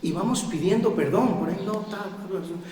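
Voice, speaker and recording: A man's voice: sits high, fairly quick, darkish tone, a little hiss or hum. A middle-aged Spanish man giving a public lecture, putting rhetorical questions to his audience. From Spain. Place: cultural center hall. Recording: echoey hall, voice from far off.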